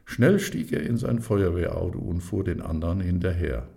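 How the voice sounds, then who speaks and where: A man reading a children's storybook aloud in a calm, measured way, adding playful sound effects. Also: low voice, gravelly.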